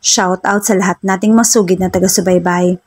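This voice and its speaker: A woman reading a first-person romance story in a slow, heartfelt way, as the regular storyteller of a serialized show. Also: fairly low pitch, fairly even intonation, a little mellow, slightly rough, rough recording. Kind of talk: emotional story narration.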